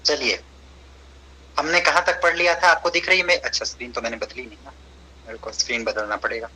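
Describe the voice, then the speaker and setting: A man's voice: medium pitch, steady tone, fast talker, pushed and bright, a little hiss or hum, poor audio. A man teaching an online class over a video call, patient and encouraging, slipping English phrases into his speech.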